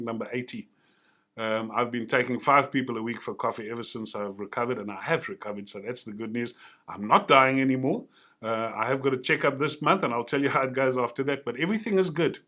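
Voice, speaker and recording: A man's voice: mid-range voice, bright, forceful tone. A man giving an earnest, encouraging motivational talk to teachers and telling stories along the way. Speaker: motivational speaker.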